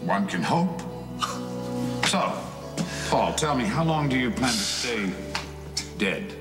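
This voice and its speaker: A man's voice: mid-range voice, very animated, slow pace, over music. A man playing a pompous, sardonic, scheming villain in a theatrical soap opera style. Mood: dry mockery.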